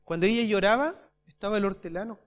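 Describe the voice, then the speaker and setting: A man preaching a sermon as pastor at a church service, asking his congregation rhetorical questions and swinging between loud and soft. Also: high voice, fast talker. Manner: addresses congregation as brothers.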